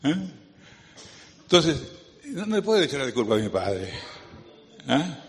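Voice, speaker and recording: A man's voice: medium pitch, very animated, a little slow. Male preacher, Rioplatense accent, chatty and digressive sermon, keeps checking in with tag questions, long hall reverb. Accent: Rioplatense Spanish. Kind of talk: conversational sermon.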